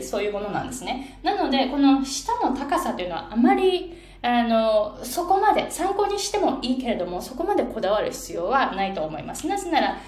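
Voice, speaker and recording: A woman pronunciation coach explaining a chart in a patient, lively way, with many fillers and English phrases dropped into her talk. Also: a little high. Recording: echoey room, faint background noise.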